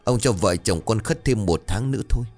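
A man with a low, lively voice playing a poor young mother who pleads with a moneylender. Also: brisk. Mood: begging.

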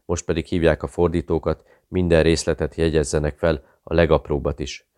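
A man's voice: rumbling low, flat delivery, a little mellow. A man reading a curt, commanding general. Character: commanding middle-aged male general.

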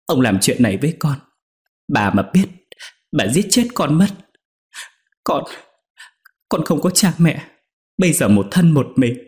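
A man voicing a coy, scheming young female servant girl who whimpers and pleads in a high voice. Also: animated, normal speed, pauses often, lightly acted. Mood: tearful pleading.

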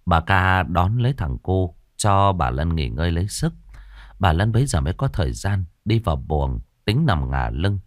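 Male audiobook narrator, very low voice, lively melody, dry close sound, dramatic ghost story. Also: normal speed, no echo.

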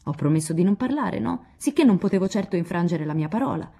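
Indignant proud youth, read by a woman; husky, warm tone. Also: lowish voice, lively intonation, fast, voice pushed up. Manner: indignant, blustering. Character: hot-tempered proud young man.

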